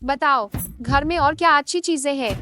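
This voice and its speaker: A woman dubbing the role of an older housemaid who is deep in debt, pleading one moment and coldly scheming the next. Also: normal speed, sharp tone, soft background music. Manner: pleading, then cold and scheming. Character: scheming older maid, pleading then greedy. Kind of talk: Hindi drama dub.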